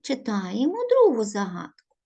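A woman teacher giving a recorded video lesson to young pupils, setting out instructions slowly and stressing each word. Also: on the high side, wildly swooping pitch, creaky, mellow. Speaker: primary school teacher.

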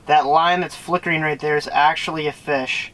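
A young fishing vlogger chats casually about how he fishes from inside a small ice fishing shelter. His voice is on the high side, steady and fairly bright, at a normal speed. The recording is rough, captured on a camera-mounted shotgun mic with a windscreen.

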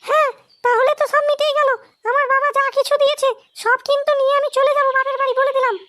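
In a cartoon, a woman voices an angry young wife nagging her husband, speaking fast with little pitch movement. Her delivery is shrill, demanding and scolding, with loud music playing in the background.

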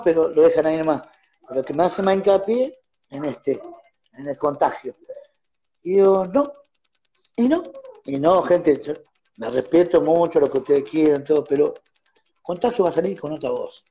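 Fields: Sex: man. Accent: Argentine Spanish. Role: musician guest. Style: casual radio interview. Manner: animated storyteller who acts out quarrels. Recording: muffled lo-fi radio studio audio. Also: a little high.

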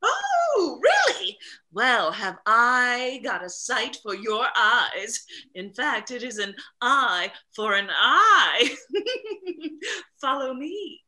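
A woman's voice: fairly high pitch, lively intonation, extremely slow, bright, forceful tone, heavily acted. An actress playing a flirtatious wealthy lady of the house in a comedic play read over a video call, bawdy and giggly. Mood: flirty.

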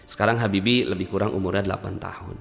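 A man giving a seminar talk as a motivational speaker, telling a story in an animated way with sudden rises in pitch. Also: fast, vocal fry. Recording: hall reverb with faint background music.

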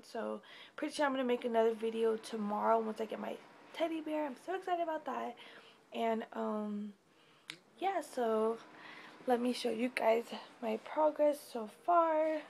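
A woman's voice: fairly high pitch, creaky, darkish tone, a little hiss or hum. A tired young woman giving a casual, rambling pregnancy update vlog at home, with many fillers. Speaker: vlogger.

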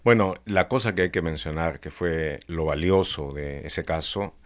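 A man, a guest on a political talk show, speaking in a measured way with frequent filler pauses. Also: low voice.

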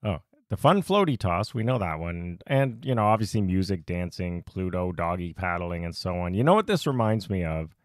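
Male podcast co-host, lower voice, dry close mic, chatty and wry. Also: animated, normal speed, hardly any pauses, no echo. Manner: chatty, wry, lightly sarcastic. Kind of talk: casual chat.

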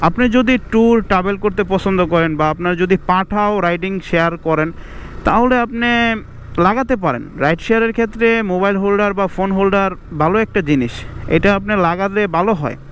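A young man with a Bangladeshi Bengali accent, vlogging casually outdoors in fast, chatty talk mixed with English words. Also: high-pitched, fairly bright tone, slight background noise. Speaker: motovlogger. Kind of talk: casual outdoor moto vlog. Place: outdoors by a roadside.

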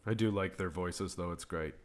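A man's voice: low voice, moderate pace, noisy background. A man hosting a gaming channel, giving casual let's-play commentary in a profane, joking way. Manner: profane, joking, laughs at himself.

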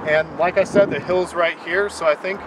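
Man, enthusiastic vlog co-host, slightly high voice, mic at a distance outdoors, over background music. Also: steady tone, moderate pace, background noise. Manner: enthusiastic, chatty. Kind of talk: casual on-location presenting. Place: outdoors on a residential street.

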